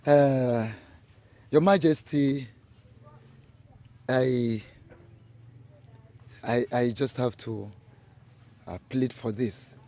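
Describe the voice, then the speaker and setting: A man's voice: medium pitch, fairly even intonation, drawn-out words, pauses often, mellow. An actor playing a proud middle-aged village chief in a film drama, a man with an emphatic Nigerian-accented delivery. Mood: jovial, pleased. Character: proud, jovial village chief, father of a grown son.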